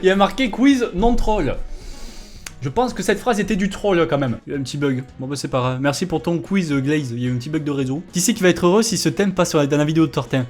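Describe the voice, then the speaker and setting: A man's voice: a little high, quick pace, darkish tone. A man giving casual, joking commentary as he plays through a quiz game on his channel, chatting with self-mocking asides into a headset. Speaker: gaming YouTuber. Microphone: gaming headset.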